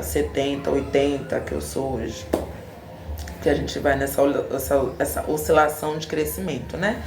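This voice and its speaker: A woman's voice: sits low, noisy background. A Brazilian woman in her forties from São Paulo telling a personal story in a casual, emotional and reflective way, acting out the dialogue. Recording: echoey room.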